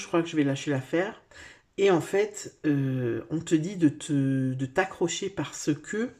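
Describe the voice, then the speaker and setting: A woman's voice: sits low, mellow. Chatty French tarot reader woman. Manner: chatty, addresses viewer directly with many fillers. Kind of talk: casual tarot reading video.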